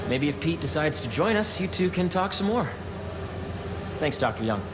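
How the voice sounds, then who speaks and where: A man's voice: a little high, big pitch swings, normal speed, noisy background. An actor playing an upbeat, confident young man in a video game, talking in a breezy, casual way. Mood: proud, upbeat.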